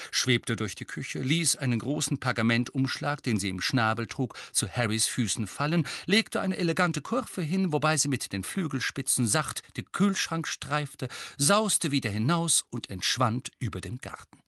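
A man with a mid-range voice narrates a scripted audiobook in an expressive storytelling style, captured at studio quality with no room sound.

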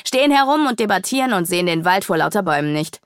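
A woman's voice: mid-range voice, lively intonation, fast, smooth, no echo, studio quality, lightly acted. A woman reading a sly, sneering male demon magician in an audiobook. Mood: mocking.

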